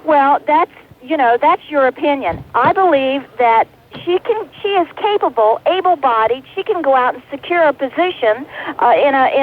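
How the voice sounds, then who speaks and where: A woman calls in over a clipped car phone line that sounds thin and tinny. Her voice sits high. She speaks in an indignant, moralizing way. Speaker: caller. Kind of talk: call-in talk radio.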